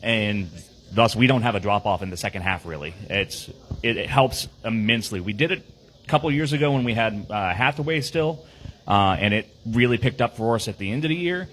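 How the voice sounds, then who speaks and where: A man's voice: lowish voice, brisk, a bit bright, a little hiss or hum, poor audio. A man talking through his team's game on a casual podcast, rambling with lots of fillers and restarts. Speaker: team player on a podcast.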